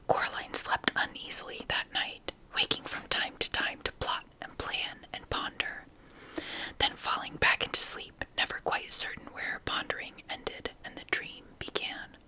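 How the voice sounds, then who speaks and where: A woman reading a story aloud as whispered ASMR, softly and unhurriedly in short phrases. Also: moderate pace, rough recording. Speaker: ASMR reader.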